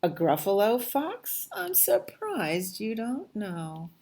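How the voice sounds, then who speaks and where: Little storybook mouse, clever and polite, slow and warm, as a woman reads it. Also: mid-range voice, big pitch swings, voice pushed up, full character voice. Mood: bold. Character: small clever brown mouse.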